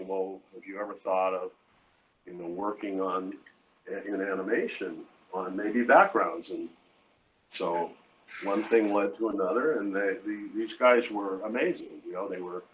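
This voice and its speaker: An older man, 60s or older, an artist being interviewed at a hotel event, tells stories casually in a deep voice, halting and rambling and repeating others' words. The recording is a muffled, lo-fi live stream with a noisy room around him.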